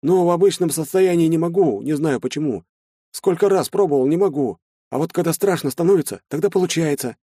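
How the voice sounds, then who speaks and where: A man's voice: on the high side, a little fast, warm tone, husky, dry recording, studio quality, voice pushed up. A man voicing a shy, beardless young male soldier, speaking timidly in a raised voice.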